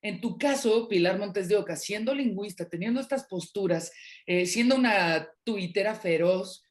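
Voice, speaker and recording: A woman's voice: medium pitch, lively intonation, normal speed. A woman with a Mexico City accent, co-hosting a casual panel discussion and rambling with many fillers as she asks questions. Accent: Mexico City Spanish. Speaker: podcast co-host.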